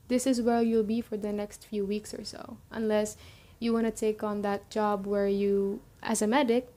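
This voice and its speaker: A woman with a natural, mellow mid-range voice takes the role of a youthful camp leader after a zombie outbreak in an audio roleplay. She walks the listener through things in a chatty way, pausing hesitantly.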